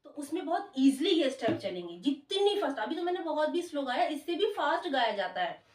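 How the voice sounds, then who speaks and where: A woman's voice: high voice, sing-song, a little fast. A woman teaching dholak in an encouraging, friendly way, counting the beats aloud as she plays. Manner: warm, encouraging, coaxing. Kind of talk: friendly music lesson. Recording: roomy, distant, dull sound with dholak drumming.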